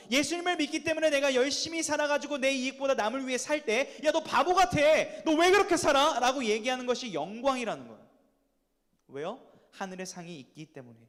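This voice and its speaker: A man preaching a sermon to high school students, leading them in call-and-response and having them repeat lines after him. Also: a bit bright. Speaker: youth pastor. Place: church sanctuary. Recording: echoey church hall with long reverb.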